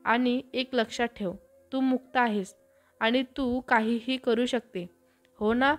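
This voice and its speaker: A woman voicing a gentle, reassuring young man in a storybook tale, speaking in a soft, encouraging tone. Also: fairly high pitch, fairly even intonation, slow pace, soft background music.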